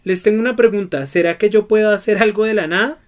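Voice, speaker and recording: A man's voice: sits high, fast. A man teaching a Bible study lesson who keeps asking his students questions and prompting their answers.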